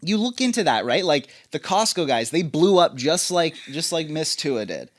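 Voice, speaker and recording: A man's voice: on the high side, sing-song, moderate pace. Rambling man telling a story. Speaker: podcast co-host. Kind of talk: casual podcast chat.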